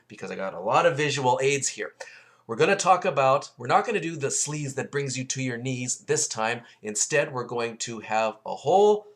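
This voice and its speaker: A middle-aged man talking into a webcam at home, rushing through a chatty, digressive monologue. He is self-deprecating and keeps wandering off on tangents. His voice sits at an ordinary male pitch. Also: a bit bright. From Canada. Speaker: webcam vlog host, former TV host. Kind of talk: casual rambling monologue to camera.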